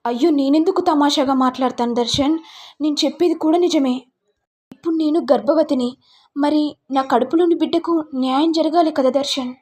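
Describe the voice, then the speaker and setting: An insistent, manipulative young woman pressing her claim in quick lines, voiced by a woman. Her tone is high and demanding. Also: a little mellow, lightly acted.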